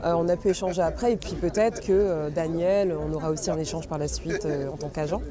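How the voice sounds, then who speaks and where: A woman's voice: low voice, a little fast. A woman, an actress and new screenwriter, speaking earnestly in a festival interview. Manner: earnest, with light laughs. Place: outdoors at a busy festival. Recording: crowd noise outdoors.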